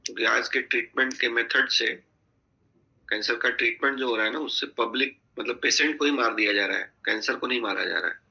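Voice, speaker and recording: A man's voice: medium pitch, fairly quick, gravelly, sharp tone, low-quality recording. A man coaching a sales team on a video call, giving instructive advice and often checking that listeners follow. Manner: instructive, repeatedly checking in with "theek hai?".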